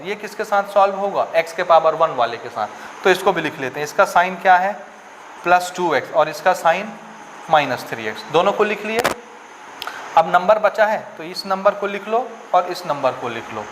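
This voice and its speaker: High-voiced man teaching maths step by step. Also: lively intonation, moderate pace, noisy background. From India. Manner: repetitive, questioning, checks understanding often. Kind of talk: classroom lesson explaining step by step.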